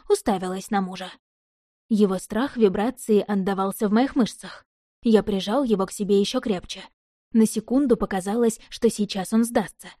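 A woman narrates a first-person audiobook in a measured, expressive way. Her voice is mellow and warm, and it sits at an everyday middle pitch. The recording is close and dry. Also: no room sound.

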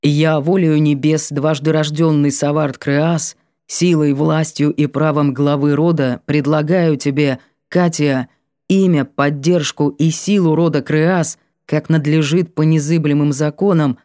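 A woman reading the lines of a proud, solemn noble lord in an audiobook, in a slow, formal, measured manner. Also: sits low, steady tone, warm tone, no room sound, clean studio sound, voice pushed down.

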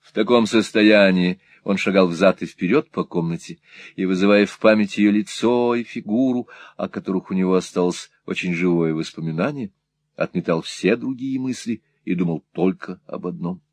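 A man narrating a classic novel as an audiobook, in an expressive, animated reading. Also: sits low, moderate pace, dry recording. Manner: animated, rising and falling with the story. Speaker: audiobook reader.

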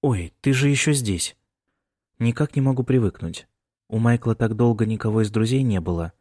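A man's voice: mid-range voice, normal speed, darkish tone, no echo, clean studio sound, close to an everyday voice. A male narrator voicing a worried middle-aged mother who keeps fussing over her son in an audiobook. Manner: anxious, insistent and fussing.

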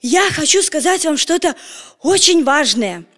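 A woman's voice: high voice, big pitch swings, measured pace, fairly bright tone, voice pushed up, full character voice. A woman voicing a bossy urgent schoolboy. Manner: urgent, commanding. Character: bold schoolboy, bossy and quick-thinking. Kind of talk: storybook reading. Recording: long echoing reverb.

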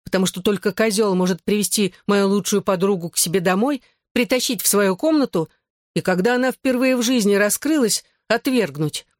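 A reader voicing a bubbly, excitable teenage girl who fiercely takes her best friend's side. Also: on the low side, no echo, clean studio sound, lightly acted. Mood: indignant. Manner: quick to excitement and indignation.

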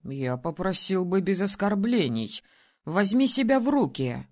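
A woman reading an audiobook and voicing an ancient, calm male keeper who speaks in a measured, patronizing way. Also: medium pitch.

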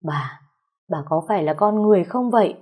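A woman's voice: on the low side, expressive, measured pace, mellow, slightly rough. A woman voicing an enraged young man bent on revenge in an audio story, speaking through clenched teeth. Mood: seething.

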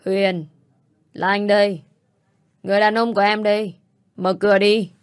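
Drunk remorseful young man, read by a woman, brash and pleading, low-pitched, dry storybook audio. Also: measured pace, no room sound. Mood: loud calling. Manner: loud drunken calling and slurred mumbling.

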